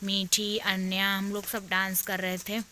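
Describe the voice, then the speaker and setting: A young woman tells a family party story in a loose, rambling, chatty voice-over for her vlog. Her delivery stays flat, with little rise and fall, and her tone is bright and sharp. A faint hiss of noise sits under the recording. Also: mid-range voice, measured pace. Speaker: vlogger.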